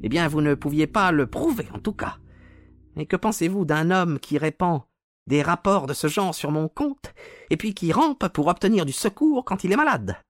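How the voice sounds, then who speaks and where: A man putting on a high sneering villain. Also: lively intonation, moderate pace, no room sound, studio quality, soft background music, close to an everyday voice. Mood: gloating. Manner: sneering, mocking, taunting. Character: gloating sinister male poisoner villain.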